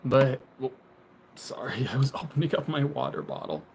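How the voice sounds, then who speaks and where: Speaking at a normal speed in an ordinary middle pitch, a very animated young live streamer in his twenties reads viewer comments and talks loosely, stumbling through fillers and restarts and laughing often. A phone on a tripod records him inside a small bedroom closet, with a faint hum in the background.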